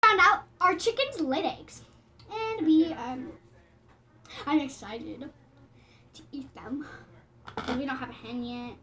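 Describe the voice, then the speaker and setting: A woman's voice: high-pitched, slow, pauses often, pushed and bright, lo-fi sound, a little hiss or hum. A young girl chatting casually while making slime, goofy, bossy and teasing. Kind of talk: casual chat.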